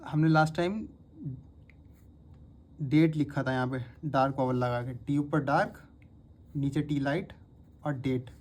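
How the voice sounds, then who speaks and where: Teacher walking beginners through shorthand strokes, recorded on a phone, with steady and patient repetition. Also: mid-range voice, unhurried, long pauses. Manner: patient, repeats each word several times. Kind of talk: step-by-step spoken lesson.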